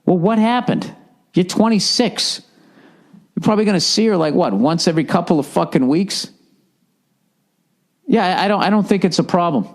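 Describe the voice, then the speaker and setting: A middle-aged man rambles through a comic monologue, swearing freely and dripping with sarcasm. His voice sits a little high and bounces around animatedly, often jumping into mocking higher tones. It is loose, unscripted talk, as if he were answering listener letters. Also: lively intonation, a little fast, long pauses. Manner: profane, sarcastic, riffing. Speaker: comedian hosting a podcast, answering listener letters.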